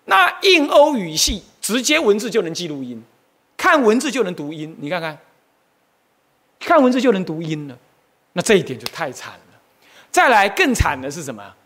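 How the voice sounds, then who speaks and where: A man's voice: high-pitched, moderate pace, pauses often. A male Buddhist monk gives a lecture on Buddhist history, often asking his listeners questions and exclaiming. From Taiwan. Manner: animated, asks the audience questions, exclaims often.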